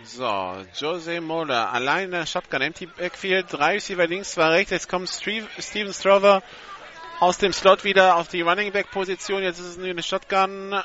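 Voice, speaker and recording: A man calling an American football game live for radio in brisk play-by-play from a stadium press box. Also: high-pitched, some chatter behind. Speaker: play-by-play commentator. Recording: dull sound with stadium music. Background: loud stadium music.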